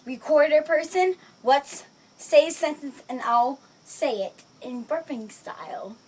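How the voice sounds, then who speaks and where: A woman's voice: high voice, measured pace. A woman chatting casually to camera as an amateur performer introducing and commenting on an act. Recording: clearly noisy homemade recording.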